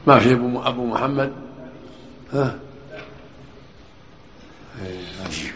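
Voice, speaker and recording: A man's voice: medium pitch, lively intonation, normal speed, fairly bright tone, a little hiss or hum. A man teaching as a sheikh in a hadith lesson, stopping the reader to question and correct the readings. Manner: interrupts to query and correct readings. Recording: dull lo-fi lecture recording.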